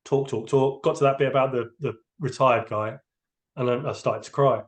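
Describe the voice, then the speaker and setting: A man's voice: mid-range voice, steady tone, moderate pace. A man, a train driver giving a candid, hesitant personal account in a podcast interview. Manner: hesitant, open, emotionally candid.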